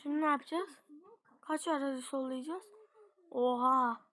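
A young person commenting casually on a driving game, chatty and excitable, cheering and counting along. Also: female voice, high-pitched, unhurried. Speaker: gaming channel host.

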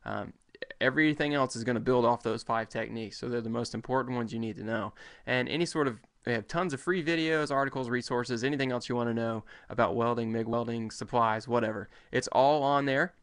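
A man in his thirties talks through a welding lesson on a live webcam stream, in a middle-pitched voice. He speaks loosely and conversationally, full of ums and restarts. The sound is plain webcam audio from a small room at home. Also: a little fast, fairly bright tone, smooth. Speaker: welding show host. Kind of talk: casual livestream lesson. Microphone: webcam at desk.

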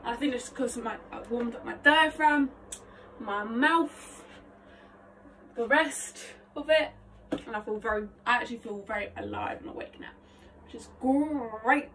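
A young woman vlogging her vocal warmup, chatty, rambling and self-mocking, her voice slightly phlegmy. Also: on the high side, moderate pace, a little hiss or hum. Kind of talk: casual vocal warmup vlog. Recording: voice a bit distant from mic.

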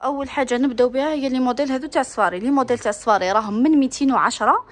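A woman's voice: high-pitched, rapid-fire. A woman with an Algerian Arabic accent filming inside a bag shop on her phone, eagerly reeling off prices and gushing over the bags as a shopping vlogger. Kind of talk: product showcase vlog. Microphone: handheld phone while filming.

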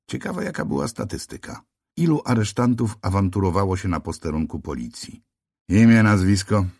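A man's voice: deep voice, a little mellow, husky, no echo, studio quality. A man narrating an audiobook in the first person, with a tense, brooding delivery.

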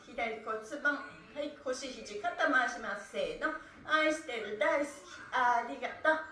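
In a small indoor room, a middle-aged woman from Japan runs a live-streamed stretch class, cheerfully calling counts and cues in an unhurried, fairly high, sharp-toned voice. She's recorded from a few meters away on a phone camera, which makes the room sound echoey.

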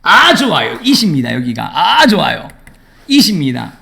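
A man teaching an English grammar lesson in a classroom, lively and teasing with his students. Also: a little high, slow, creaky.

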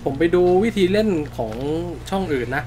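A man with a hoarse voice that is giving out, chatting casually and excitably while playing a game. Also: high voice, moderate pace, music in the background. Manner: excitable, exclaims and swears when caught. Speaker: gamer. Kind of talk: casual gameplay chat. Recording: loud game noise behind. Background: horror game ambience.

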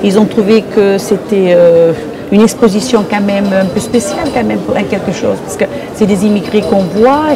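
A woman's voice: mid-range voice, moderate pace. An older woman from Morocco, a guest on a fair stage, talking in a hesitant, repetitive way. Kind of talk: casual interview talk. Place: wooden hall at a public fair. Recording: crowd chatter in a hall.

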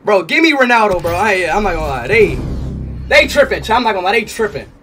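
A young American man reacting excitedly on a gaming livestream, loud and slangy, often shouting and repeating his phrases. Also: high voice, quick pace, music in the background. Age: young adult. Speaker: live streamer. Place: indoor room, streaming setup. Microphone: headset.

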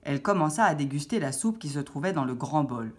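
Animated woman reading a children's tale. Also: low-pitched, fairly quick, slight background noise. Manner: expressive, animated storytelling. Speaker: storyteller.

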